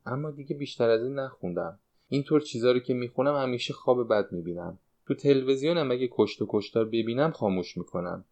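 A retired stage dancer in her late sixties confides her fears and longings in a fretful, wistful way, voiced by a man reading an audiobook. The voice stays fairly low. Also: a little mellow, natural voice. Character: anxious 69-year-old woman, former stage dancer.

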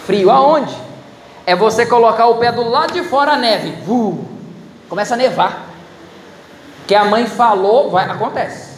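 A man preaching a sermon, telling humorous personal stories and talking straight to the audience in an animated way. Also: sits high. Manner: animated, humorous anecdotes, addresses audience directly. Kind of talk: storytelling sermon. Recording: echoey hall with loud ambient noise.

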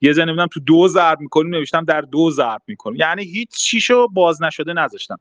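A man's voice: a little high, animated, fairly bright tone, dry recording, dull audio. A young man explaining mathematics casually in an online group talk, step by step with frequent fillers. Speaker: math talk host.

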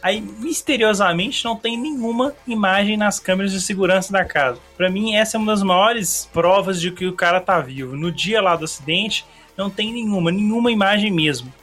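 Slightly hoarse man hosting a chatty podcast. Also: high voice, fairly quick, few pauses, a bit bright, faint music behind. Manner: chatty, rambling, slangy. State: a bit hoarse. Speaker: podcast host. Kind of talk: casual solo podcast monologue. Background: faint song playing.

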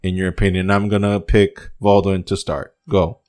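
A low-voiced man hosts a casual wrestling podcast at a normal speed, ranting in an animated, profane way. He swears a lot, mixing in some other words.

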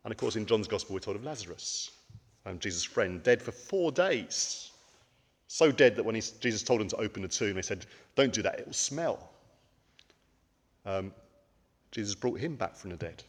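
A man's voice: lowish voice, lively intonation, moderate pace, long reverb tail. A man giving a conversational sermon, with frequent ums and rhetorical questions. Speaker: preacher.

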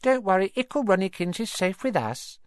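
A man's voice: normal speed, dry recording, clean studio sound. A man reading a storybook, alternating between the voices of two teasing red-haired twin boys. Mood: cheeky. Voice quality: high, lively, mischievous. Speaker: audiobook narrator.

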